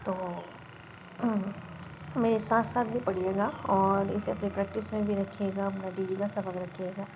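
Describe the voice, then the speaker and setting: Against a noisy background, a woman speaks at a medium pitch in a level tone while leading a beginner Quran reading class. Patiently, she asks her learners to repeat and keeps confirming with "theek hai?" that they're keeping up.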